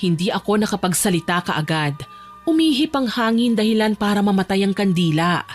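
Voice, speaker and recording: A young woman voicing a frightened young woman locked in a dark basement, tense and pleading as she narrates her own horror story. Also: medium pitch, animated, a little fast, lightly acted. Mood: hushed. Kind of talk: first-person horror story narration and dialogue. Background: faint music.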